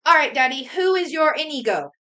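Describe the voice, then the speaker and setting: A woman's voice: high-pitched, animated, fairly quick, pushed and bright. A young woman co-hosting a casual chat about recasting a movie, talking in a chatty, rambling way with many fillers. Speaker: podcast co-host.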